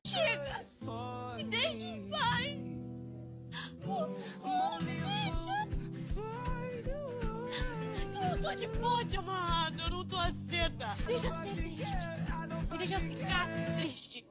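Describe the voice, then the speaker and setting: A woman's voice: very high-pitched, animated, takes it slowly, pauses often, full character voice. A sobbing, screaming teenage girl. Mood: distraught. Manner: shouting, sobbing pleas. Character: distraught teenage girl screaming at her family. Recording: film clip with loud music from a distance.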